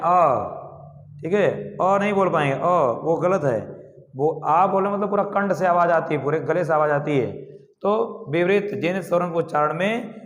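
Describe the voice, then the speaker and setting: Echoey man teaching a grammar class. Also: a little high. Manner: repeats rhetorical questions and answers them; slow, deliberate explaining. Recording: echoey classroom with long reverb.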